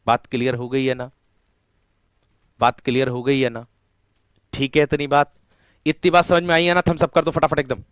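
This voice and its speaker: In an online exam-prep class, a male teacher keeps calling his students friends, repeating key words and drawing them out for emphasis. His medium-pitched voice is level, fairly bright and clean, recorded dry.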